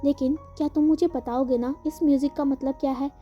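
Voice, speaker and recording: A gentle, earnest young musician asks soft, sincere questions in a storybook telling, read by a woman in her own voice. The voice sits high and sounds dark and mellow. A dull, slightly lo-fi recording carries faint music behind it. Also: fairly even intonation, brisk, close to an everyday voice.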